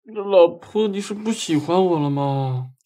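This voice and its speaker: An actor playing a clingy young husband who acts simple-minded, with a childish, pleading manner. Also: male voice, a little high, expressive, unhurried, warm tone. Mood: eager, childish. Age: young adult. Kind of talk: short romantic drama acting.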